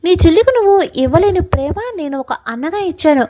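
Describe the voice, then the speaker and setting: A woman's voice: very high voice, lively intonation, fairly quick, warm tone, voice pushed up, low-quality recording. A woman voicing a heartbroken young lover. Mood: heartbroken pleading. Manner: tearful, reproachful pleading. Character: heartbroken young man pleading with his love.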